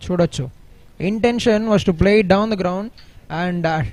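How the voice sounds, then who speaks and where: A man with an Indian accent giving analytical cricket commentary, switching between English and Telugu with hesitant pauses. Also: high voice, a little mellow.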